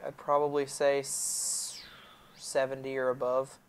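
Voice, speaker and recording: A man's voice: medium pitch, a little slow. A young man of eighteen, a college freshman answering interview questions casually and saying "like" often. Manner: flat, casual, with frequent "like".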